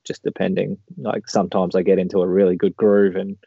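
A very deep-voiced man chats casually in a rambling, laid-back way. His tone is gravelly and fairly flat. The audio is a dull, lo-fi call. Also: a little fast, no echo. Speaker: podcast guest, marathon runner. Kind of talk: casual interview chat.

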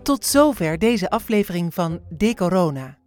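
A woman with a slightly low voice reads a podcast outro in a calm, friendly tone. Faint music sits behind her words. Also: normal speed. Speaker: podcast host. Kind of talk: scripted show outro.

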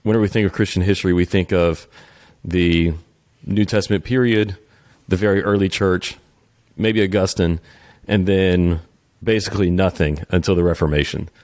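Man, interview host, very deep voice, halting delivery, dry recording. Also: steady tone, a little mellow, no echo. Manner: halting, many restarts and fillers. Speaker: podcast host. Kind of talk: interview, casual chat.

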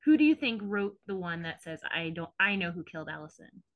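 A woman's voice: on the low side, very animated, a little fast, no echo. A woman co-hosting a podcast, casually retelling scenes with lots of fillers. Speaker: podcast co-host. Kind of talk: casual recap chat. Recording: dull lo-fi podcast audio.

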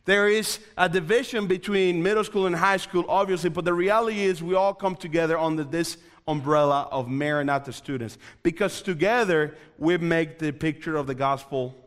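The young Dominican preacher speaks at a moderate pace with few pauses, his fairly high, fairly bright voice trailing a long reverb. Earnest throughout his youth sermon, he repeats phrases for emphasis and addresses the room directly.

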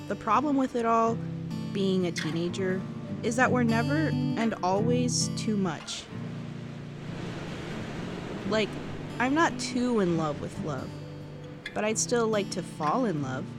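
In a fiction podcast, a woman plays a wistful, awkward seventeen-year-old girl musing into a cassette audio diary, hesitant, reflective, and correcting herself as she goes. Her medium-pitched voice is animated but slow, with long pauses. Guitar music plays beneath her.

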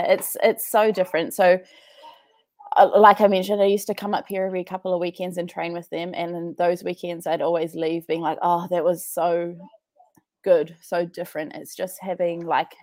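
A young woman with a New Zealand accent, a CrossFit athlete appearing as a podcast guest, chats casually in an interview. Her voice is lowish and darkish, delivered flatly at normal speed, and she often laughs and restarts sentences. There's no echo.

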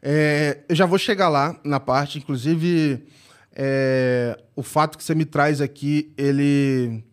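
A man with a somewhat high voice hosts a podcast. He talks in a casual, halting way, with lots of filler sounds and restarts as he introduces his guest and chats with her. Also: steady tone, smooth. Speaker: podcast host. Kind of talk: casual interview chat.

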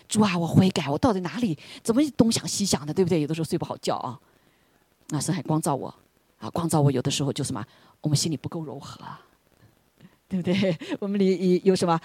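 A middle-aged woman preaches to her congregation with a slightly husky voice. Her delivery swings between lively and soft, full of rhetorical questions. The sound is dry and close. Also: on the low side, no room sound. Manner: animated, rhetorical questions, frequent "对不对". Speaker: pastor. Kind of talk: sermon.

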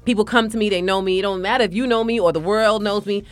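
A woman's voice: mid-range voice, fairly even intonation, fast. A woman in her forties from Brooklyn by way of Panama, a fashion designer talking as a guest in a radio studio, chatty and emphatic with lots of asides. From born in Panama, raised in Brooklyn. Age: 40s. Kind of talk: casual radio interview.

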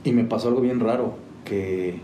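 A low, mellow-toned man recounts his musician days in casual, rambling speech full of restarts. He is recorded in an echoey room with faint background noise. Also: normal speed. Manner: rambling with many restarts and fillers. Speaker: musician guest. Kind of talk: casual storytelling.

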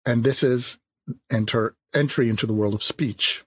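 Man in his fifties, husky, dry close sound, measured academic talk. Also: mid-range voice, steady tone, no echo. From Jamaica. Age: 50s. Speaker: philosopher. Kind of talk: reflective interview talk.

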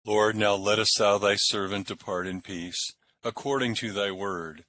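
Low, bright-voiced man reciting church prayers. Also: steady tone, unhurried, no echo. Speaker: minister leading evening prayer and preaching. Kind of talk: liturgical recitation and sermon.

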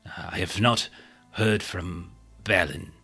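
A man voicing a courteous, grumpy old man with a husky voice in a tabletop game. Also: low-pitched, fairly even intonation, slow, sharp tone, faint music behind, heavily acted. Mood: grave, measured. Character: curmudgeonly old man, courteous host, recuperation caretaker.

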